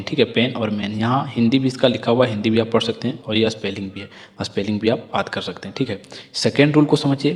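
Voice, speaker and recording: A man gives a reading lesson in a patient, repetitive way, asking the viewer questions and answering them himself. His voice sits at an ordinary middle pitch. It rings with a long reverb, as if in a hall. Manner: patient, repeats each point and asks the viewer questions. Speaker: English reading teacher. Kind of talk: explaining lesson.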